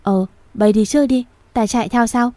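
A gruff but kind older farmer neighbor with blunt, rustic country speech, as a woman reading a story aloud puts him on. Her tone is mellow and dark. The recording is dry and close. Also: a little high, steady tone, fairly quick, no room sound, lightly acted. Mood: gruff kindly.

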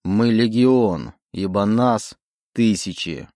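A man's voice: fairly low pitch, slow, mellow, no room sound, studio quality. A man reading an audiobook, voicing a mocking, cruel demon voice with a sneering manner. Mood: menacing.

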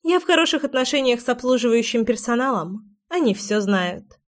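A woman's voice: a little high, fairly quick, pitched above the performer's own voice, close to an everyday voice. A woman voicing a playful, curious young woman who coaxes and teases in an audiobook scene. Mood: teasing. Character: lively teasing young woman, curious meddler.

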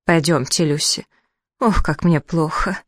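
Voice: fairly even intonation, unhurried, a bit bright, no echo, clean studio sound. A reader voicing an indignant, plump middle-aged widow who makes theatrical complaints. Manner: shrill outrage, theatrical complaints.

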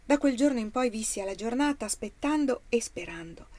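A woman reading a first-person story aloud, with an expressive, emotional delivery. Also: fairly high pitch, brisk, no room sound. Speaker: audiobook reader.

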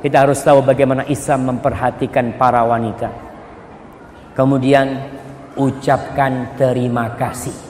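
A middle-aged man preaching a sermon, telling lively stories, acting out quoted voices and reciting Arabic sayings slowly. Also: medium pitch, a little hiss or hum. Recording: echoey hall with faint ambience.

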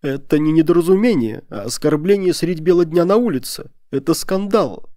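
A man voicing an indignant tall lady, a professor's wife, shrill and tearful with outrage in an audiobook story. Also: animated, normal speed, mellow, dry recording, studio quality, natural voice. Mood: outraged.

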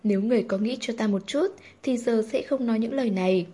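A woman reading as a calm young noblewoman. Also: fairly high pitch, fast talker, breathy edge. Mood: firm. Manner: quiet, firm.

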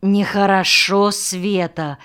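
A woman's voice: fairly low pitch, slow pace, a bit bright, smooth. A woman voicing a patient male schoolteacher who mildly chides and coaxes his pupils with questions, in an audiobook. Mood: gently chiding. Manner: mildly chiding, coaxing questions. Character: patient male village schoolteacher, gently reproachful. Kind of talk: audiobook character voice.

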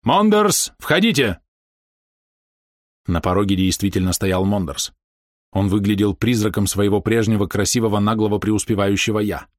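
A man narrating a novel in a steady, dramatic reading. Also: on the low side, brisk, dry recording, clean studio sound. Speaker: audiobook narrator.

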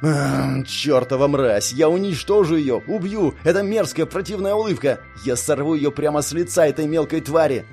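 A man's voice: medium pitch, animated, moderate pace, darkish tone, faint music behind, natural voice. A man voicing a furious young dragon-like monster man who roars, snarls and laughs in fits. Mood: furious roaring. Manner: roaring, snarling, laughing hysterically.

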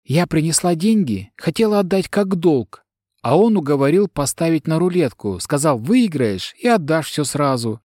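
A man's voice: on the high side, animated, normal speed, a little mellow, dry recording, studio quality, voice pushed up. A man reading an audiobook, voicing a frightened, defensive middle-aged woman who talks in an agitated, self-justifying way. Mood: tearful. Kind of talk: audiobook character dialogue.

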